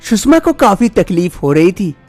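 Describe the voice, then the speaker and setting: A man narrating a scripted drama story in a plain, even storytelling manner. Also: sits high, normal speed, faint music behind.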